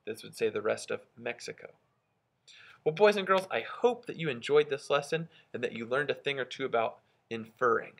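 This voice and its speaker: A male elementary school teacher reading aloud and explaining a lesson to children, expressive and thinking out loud, with a husky voice. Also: mid-range voice, normal speed. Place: indoors at a school, at a wooden desk.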